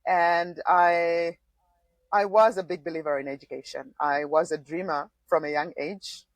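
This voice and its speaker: Fairly low-pitched and fairly even in intonation, this woman speaks a little slowly, with no room sound. In her forties and from Zimbabwe, the former political candidate shares her story on a podcast thoughtfully, with frequent small laughs and restarts.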